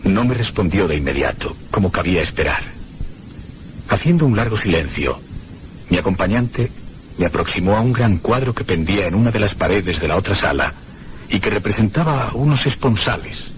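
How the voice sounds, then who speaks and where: This radio drama features a Castilian-accented actor as narrator and protagonist, a troubled traveller recounting an eerie tale in measured, literary style. The low male voice is expressive, and his mood is brooding and reflective. Music is prominent in the background, along with a little noise.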